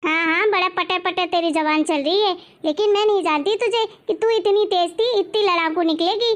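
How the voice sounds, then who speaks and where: A woman's voice: extremely high pitch, normal speed. A woman playing a bossy scolding mother-in-law. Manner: scolding, indignant. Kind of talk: family drama acting.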